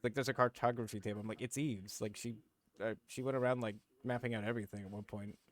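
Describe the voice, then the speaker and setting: A man streaming a game, chatting and joking with a friend, quick to laugh. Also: on the low side, fairly even intonation. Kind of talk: casual livestream game chat.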